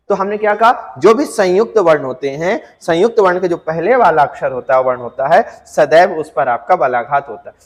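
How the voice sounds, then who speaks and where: A male teacher giving an exam-prep grammar lecture, asking his students questions and answering them himself, and drawing out example words slowly to show stress. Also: sits high, in a large hall. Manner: addresses students as friends, asks and answers own questions.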